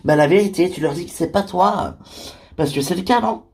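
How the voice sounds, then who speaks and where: A single performer carries a whole cast in an amateur toy-figure series. The voice sits at a middle pitch, hopping up and down between characters in loose, filler-heavy everyday dialogue. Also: fairly quick, darkish tone.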